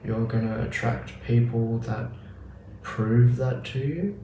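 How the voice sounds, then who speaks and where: Gravelly-voiced man teaching meditation. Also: mid-range voice. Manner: casual, acts out the inner voice in quick asides. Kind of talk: spiritual teaching talk. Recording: roomy, distant mic with faint noise.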